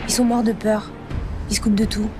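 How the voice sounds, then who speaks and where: A woman plays a defiant young daughter who talks in an indignant, confrontational way. Her voice sits at a middle pitch, with loud music underneath. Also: flat delivery, a little fast, roomy sound, lightly acted. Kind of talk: docudrama acting.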